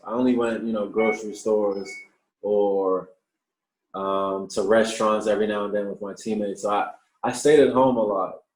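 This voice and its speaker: Recorded roughly in a reverberant space, a twenty-something male basketball pro who grew up in Australia talks at a moderate pace in a lowish voice. He handles the interview casually, repeating words as he kicks off each thought.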